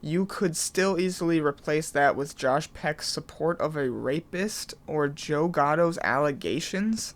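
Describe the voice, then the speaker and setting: A man's voice: on the high side, fairly bright tone. A man giving a crude, sarcastic rant in a drama commentary video. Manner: sarcastic, mocking, crude ranting. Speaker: commentary YouTuber.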